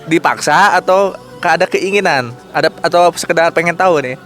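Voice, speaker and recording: A man hosting, asking participants quick probing questions in a casual interview at a mosque gathering. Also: on the high side, a bit bright, faint music behind. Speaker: host interviewing camp participants.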